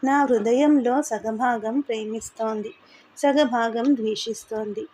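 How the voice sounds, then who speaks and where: Soft-spoken young man in love, read by a woman. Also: fairly high pitch, steady tone, measured pace, slightly rough. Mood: wistful. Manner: quiet and soft.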